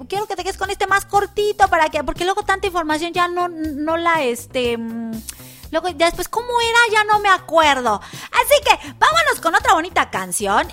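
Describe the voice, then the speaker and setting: A woman's voice: sits high, pushed and bright. A woman hosting a children's radio show, chatting casually with frequent fillers and restarts.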